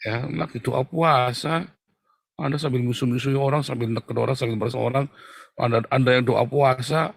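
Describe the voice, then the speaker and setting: A man preaching a sermon, animated and exclamatory, often calling out to his listeners. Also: mid-range voice, brisk, vocal fry, no echo. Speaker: preacher who counsels pastors.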